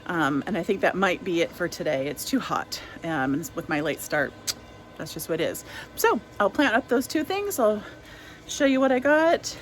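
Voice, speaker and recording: A woman's voice: lowish voice, sing-song, normal speed, a little hiss or hum, poor audio. A woman chatting casually as she works in her garden outdoors, rambling with plenty of fillers. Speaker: garden vlogger. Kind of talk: casual chat.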